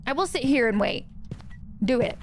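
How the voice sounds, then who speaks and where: High-voiced chatty woman streamer. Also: lively intonation, normal speed, slight background noise. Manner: chatty, greets chat by name. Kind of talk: casual livestream chat while gaming.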